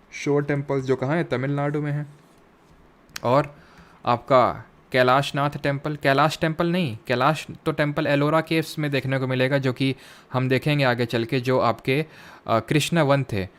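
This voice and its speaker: A man's voice: medium pitch, fairly even intonation, moderate pace. Indian man teaching an exam-prep lesson. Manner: asks questions and answers them himself; mixes English terms into speech. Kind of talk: classroom lecture with quiz questions.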